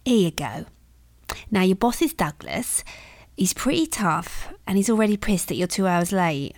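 A woman playing a brisk, practical film-set assistant who talks in a matter-of-fact way. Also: mid-range voice, sing-song, darkish tone. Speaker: production assistant.

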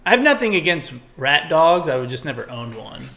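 Young male co-host, bright and a bit high voice, casual and profane, rambling rants. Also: fairly quick. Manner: rambling, profane, animated when ranting. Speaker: podcast co-host. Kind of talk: casual chat.

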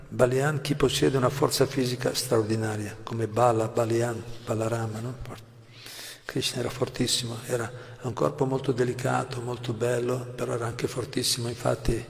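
Gravelly-voiced man lecturing in a hall. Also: mid-range voice. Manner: explanatory, asks "no?" often; clears throat often. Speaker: religious teacher. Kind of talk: devotional lecture. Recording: long hall reverb.

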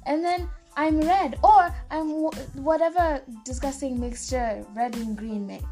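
A woman's voice: high-pitched, unhurried, dark tone, faint music behind. A teenage girl chatting casually on a family podcast in a wry way, searching for words as she goes. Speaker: daughter co-hosting family podcast. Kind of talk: casual chat.

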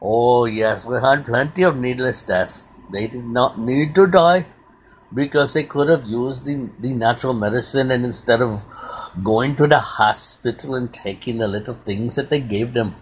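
A man's voice: medium pitch, moderate pace, a little hiss or hum. A man with an Indian accent, a guest in a casual chat, speaking in a formal, insistent way.

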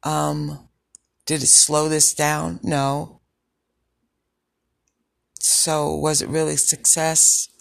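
Sultry, gravelly woman, slow and unhurried. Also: little pitch movement, dry recording, studio quality. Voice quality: sultry, low voice. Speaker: podcast host. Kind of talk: personal health podcast monologue.

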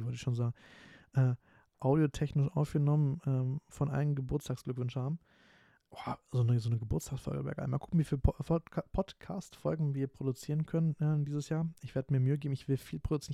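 Solo podcasting, a Berliner in his twenties talks loosely and wanders, full of filler words and false starts. He has a mid-range voice with vocal fry and a dark tone, captured in a dry, studio-quality recording.

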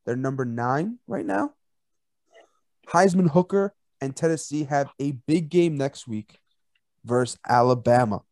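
This co-host of a laid-back college football betting podcast speaks at a measured pace in an animated, mid-range, darkish voice. He's rowdy, laughs a lot and chants fight songs while making picks. The studio-quality recording is dry.

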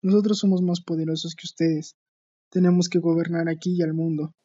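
An actor playing a scornful humanoid robot in a flat voice. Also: male voice, a little high, a little fast, dull audio, natural voice.

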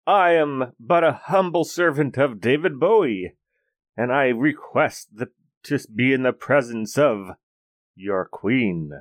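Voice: medium pitch, animated, takes it slowly, dry recording. A tabletop player voicing a cocky, pompous servant who addresses captors grandly. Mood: grandiose. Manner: pompous, theatrical. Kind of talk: tabletop game role-play.

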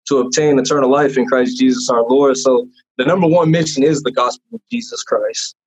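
A man's voice: medium pitch, fairly quick, husky. A young man tells his personal testimony in a casual chat, in an earnest, rambling way with many fillers and restarts. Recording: dull lo-fi sound.

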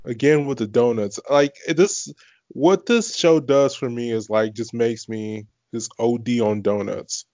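A man's voice: mid-range voice, measured pace, darkish tone, no echo. Joking man in dull lo-fi recording. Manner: joking, crude banter, laughs often. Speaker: co-host watching a TV show. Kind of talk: casual chat. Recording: dull lo-fi dry sound.

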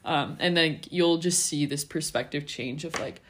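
A young woman co-hosting a casual faith podcast, chatting and acting out her own thoughts in quick quotes. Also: deep voice, slight background noise. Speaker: podcast co-host.

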